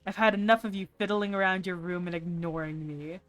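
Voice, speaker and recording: A woman's voice: on the low side, fairly even intonation, a little fast, fairly bright tone, no echo, soft background music, close to an everyday voice. A woman voicing a pompous grim reaper who demands a soul through a chat app, grandiose and easily flustered. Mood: commanding.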